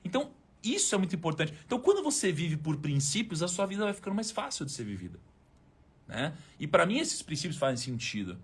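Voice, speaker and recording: A Brazilian-accented man giving a motivational talk to his live-stream audience. His voice is slightly high and husky, and his pitch swings widely as he leans into points. He speaks casually, with slang and swearing, and addresses viewers head-on. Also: big pitch swings, quick pace. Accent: Brazilian Portuguese.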